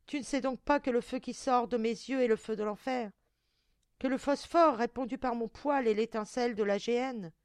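A woman reading a story aloud and voicing a cruel, damned male goblin monster with a shrill, cracked voice and a loud, taunting way of speaking. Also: moderate pace, dry recording, studio quality, close to an everyday voice. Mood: mocking.

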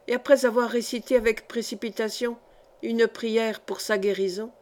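Woman reading a story out loud, slightly high voice, keeps the same voice for everyone. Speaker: reader. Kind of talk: audiobook narration of a short story.

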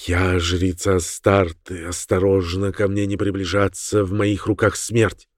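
A man voicing a young woman who plays a menacing priestess, speaking in a monotone. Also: sits low, a little slow, no echo, clean studio sound, pitched below the performer's own voice. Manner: monotone and threatening, then shrieking.

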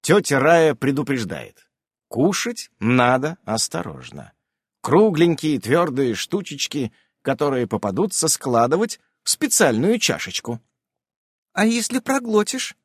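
A man's voice: medium pitch, huge pitch swings, unhurried, husky, no room sound, studio quality. A man narrating a humorous story in a wry, conversational manner.

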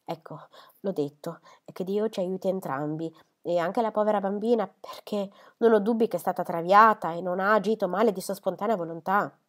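A woman's voice: mid-range voice, brisk, close to an everyday voice. A woman reading the lines of an anxious older spinster lady who is fretful and tearful, speaking in a trembling, hesitant way. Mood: distressed.

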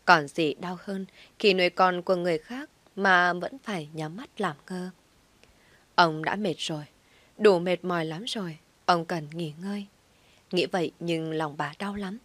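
A woman reading a scripted story aloud with emotional, dramatic delivery and soft whispered passages. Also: fairly low pitch, no room sound. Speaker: narrator.

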